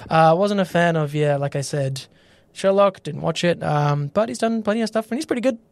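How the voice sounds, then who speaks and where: A man co-hosting a film review podcast, chatting in a relaxed, laid-back way with many short agreeing replies. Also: a little high, brisk, creaky, no room sound. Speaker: podcast co-host. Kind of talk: casual film-review chat.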